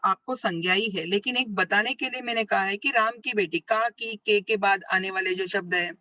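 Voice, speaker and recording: Female school teacher, bright clear voice, dry close sound, rephrases and quizzes the class as she explains. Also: medium pitch, no echo, poor audio. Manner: explains step by step, asks questions and answers them herself; rephrases points again and again. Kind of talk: recorded grammar lesson.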